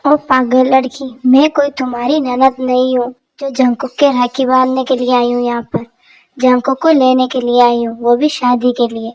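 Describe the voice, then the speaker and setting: A spiteful young rival girl in a fan dub drama, high-voiced and sneering, spitting out threats of revenge, as a woman plays her. She never softens. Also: level tone, normal speed, slight background noise, lightly acted. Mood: scornful.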